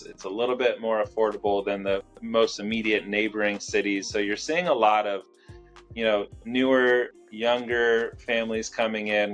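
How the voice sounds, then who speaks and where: A man with a fairly low voice talks loosely and easily as an interview guest, leaning on fillers as he goes. Faint music sits under his voice. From Southern California. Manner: relaxed, many fillers. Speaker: fitness studio owner, guest. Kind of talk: casual interview.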